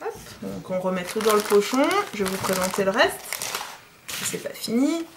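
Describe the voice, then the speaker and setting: A woman's voice: mid-range voice, lively intonation, normal speed, noisy background. A woman in her thirties from France, chatting casually in a DIY unboxing vlog, hesitant with many fillers. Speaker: DIY vlogger.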